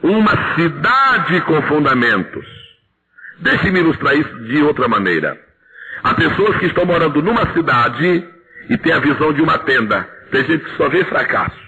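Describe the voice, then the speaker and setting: A man's voice: a little high, a little fast, highs cut off. A male pastor with a Brazilian Portuguese accent preaching a sermon, questioning the congregation and answering himself. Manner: animated preaching with call-and-response questions to the congregation.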